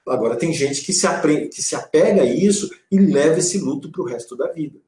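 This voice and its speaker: A man giving a calm, explanatory live talk on parenting, using vivid everyday examples. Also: on the high side, brisk, echoey room. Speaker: co-host and father.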